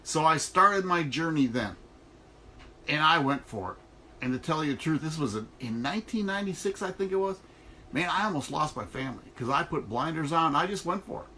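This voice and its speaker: Inside an RV trailer, with noticeable background noise, a middle-aged man who does network marketing online talks casually and emphatically in a folksy, motivational vlog. His fairly high voice is brisk, bright, and forceful, with lively intonation.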